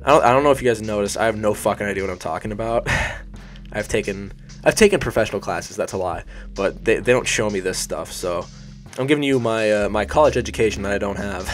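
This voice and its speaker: Narrating a design tutorial for his YouTube channel from a hot bedroom, this young man has a brisk, lowish voice, congested and sniffly from allergies. He's casual and rambling, with self-deprecating jokes and occasional swearing, and faint music plays behind him.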